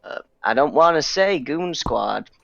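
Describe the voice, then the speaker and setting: A man's voice: a little high, animated, measured pace, gravelly, fairly bright tone, no echo. A man playing a tabletop game, chatting casually and joking. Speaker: player. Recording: dull, lo-fi mic.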